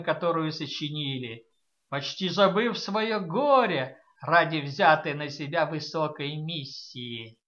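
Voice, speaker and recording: Slow, measured woman narrator. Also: deep voice, fairly bright tone, highs cut off. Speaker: audiobook narrator. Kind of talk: scripted literary narration.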